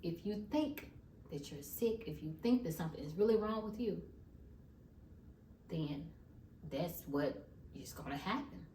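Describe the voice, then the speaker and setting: A woman's voice: fairly low pitch, animated, measured pace, long pauses, mellow, slight background noise. A woman, sharing an emphatic faith testimony to viewers in a casual vlog. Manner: emphatic, addresses viewers as y'all. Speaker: vlogger. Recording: echoey room, voice from far off.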